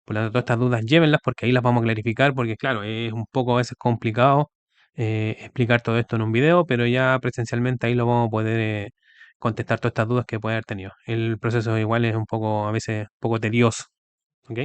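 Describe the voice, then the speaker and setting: A man's voice: medium pitch, flat delivery, fast talker, smooth, dry recording. A man giving a recorded video lecture, explaining step by step and often checking with the students. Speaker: teacher.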